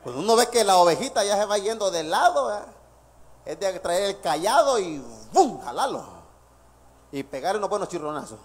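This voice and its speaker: A male pastor preaching a sermon, lively and laughing between points, quizzing the congregation with questions. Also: very high voice.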